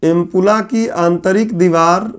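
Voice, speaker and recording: High-voiced man dictating a lecture. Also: fairly even intonation, smooth. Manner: repeats key phrases slowly for dictation. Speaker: exam coaching teacher. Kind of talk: classroom lecture. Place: classroom with whiteboard.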